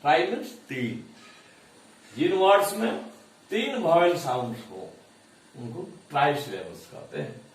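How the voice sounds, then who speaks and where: A male college lecturer with an Indian accent, explaining English syllables slowly, repeating and spelling them out. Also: fairly high pitch, big pitch swings. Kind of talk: classroom lecture on English pronunciation. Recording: echoey classroom, mic far off.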